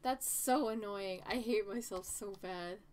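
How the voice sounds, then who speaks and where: A woman's voice: mid-range voice, a little slow, darkish tone, slight background noise. A woman streaming a game, talking to herself in casual commentary, pleading with the game and laughing at her own mistakes.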